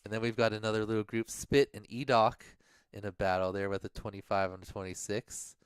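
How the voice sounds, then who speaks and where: A man's voice: on the low side, level tone, a little fast, smooth, no echo, clean studio sound. A man co-hosting a livestream, casually going over race standings and thinking aloud, sometimes mumbling to himself. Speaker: livestream co-host.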